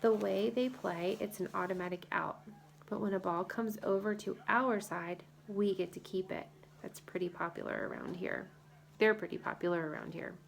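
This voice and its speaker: A woman voicing a tough, sporty girl who speaks in a cool, low-key way. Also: fairly even intonation, normal speed, gravelly, lightly acted.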